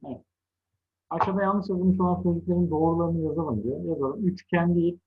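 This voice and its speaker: A middle-aged male teacher speaks a little high for a man, in a husky voice heard through a tinny, phone-like line. He takes children patiently through spelling, setting each wrong form against the right one. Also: steady tone, brisk. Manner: patient, contrasting wrong and right word forms. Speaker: primary school teacher. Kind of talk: online lesson to second graders.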